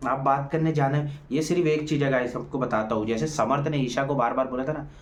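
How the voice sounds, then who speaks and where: A man's voice: medium pitch, fairly even intonation, fairly quick. Male show reviewer, heated and mocking, talks to viewers, echoey room. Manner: heated, mocking, addresses viewers as guys and friends. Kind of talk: opinionated show review commentary.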